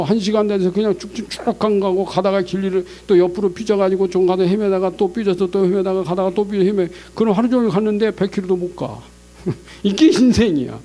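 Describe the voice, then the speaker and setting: Animated high-voiced male pastor preaching. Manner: animated, acts out God's scolding voice. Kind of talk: Sunday sermon. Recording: mains hum in the background.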